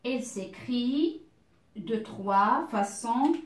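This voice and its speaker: A woman with a fairly high, lively voice teaches a beginner reading lesson at a very slow pace. She spells out sounds carefully and asks herself questions aloud before each step. The room around her is echoey. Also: far from the mic. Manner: draws out words slowly and clearly.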